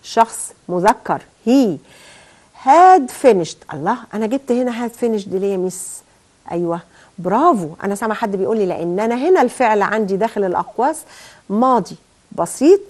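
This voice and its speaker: Egyptian woman English teacher, slightly high voice, walks through grammar step by step and draws out the example sentences. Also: a little mellow. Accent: Egyptian Arabic. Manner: explains step by step, asks and answers her own questions. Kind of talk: recorded grammar lesson.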